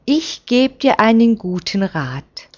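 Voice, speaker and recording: A shrewd old priest hands out knowing advice, as a woman reading a story puts him on. His voice is a touch higher than her narration. The recording is dull and lo-fi. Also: very animated, takes it slowly, darkish tone, full character voice. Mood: sly. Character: shrewd older male teacher-priest, sly.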